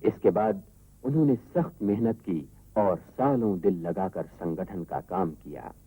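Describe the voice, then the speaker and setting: Deep husky man on old worn tape. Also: mellow, no room sound, rough recording. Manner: measured, formal delivery. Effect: old worn tape recording. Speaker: documentary narrator. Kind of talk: scripted documentary narration.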